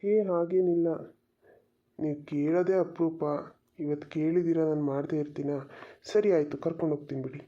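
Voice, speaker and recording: A woman voicing an eager young man in a cartoon who is smitten and talks in quick, excited bursts. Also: deep voice, lightly acted. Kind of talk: cartoon voice acting. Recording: dull lo-fi sound.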